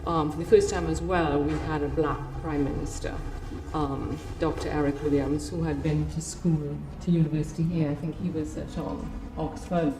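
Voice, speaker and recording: A Trinidadian woman in her fifties gives an informal artist talk about her own memories at a gallery, conversational and often checking in with "you know." Her low voice is steady in tone, at a moderate pace with hardly any pauses. The room is echoey with noticeable background noise.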